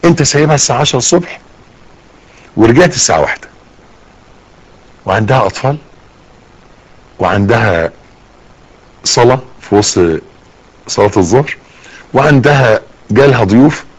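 A man's voice: mid-range voice, brisk, pauses often, poor audio. A middle-aged man with an Egyptian accent giving a sermon, acting out small scenes as he talks. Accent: Egyptian Arabic. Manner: lively, acts out little scenes with rising and falling voice. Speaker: preacher.

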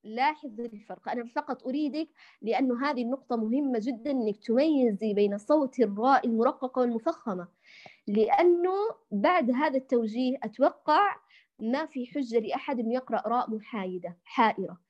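Woman, recitation teacher, patient, slightly high voice, lo-fi dull audio. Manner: patient, demonstrating sounds slowly; addresses listeners fondly as dears. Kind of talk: recorded online lesson.

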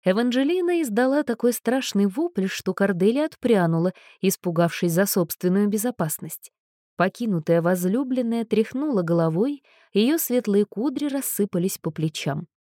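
A woman narrating an audiobook story in a measured, expressive reading. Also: medium pitch, dry recording, studio quality. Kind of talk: scripted narration.

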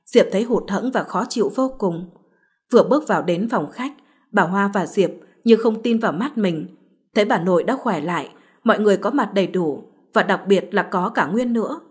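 A woman narrating a late-night story in a measured, even reading style. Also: mid-range voice, husky.

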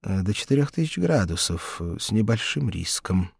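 A man voicing a hesitant, cautious male scientist who speaks quietly with filler sounds. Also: on the low side, very animated, moderate pace, creaky, husky, dry recording, clean studio sound, exaggerated voice.

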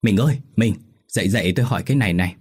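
A man's voice: sits low, normal speed, darkish tone, slightly rough. A man voicing a poor, anxious village father who talks eagerly and pleads. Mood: excited.

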